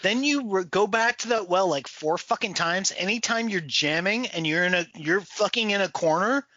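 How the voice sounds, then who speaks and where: A man's voice: sits high, normal speed, no room sound, muffled recording. A man guesting on a casual film podcast, swearing freely and acting out scenes with voiced sound effects. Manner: profane, animated storytelling with voiced sound effects. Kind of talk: casual chat about a film.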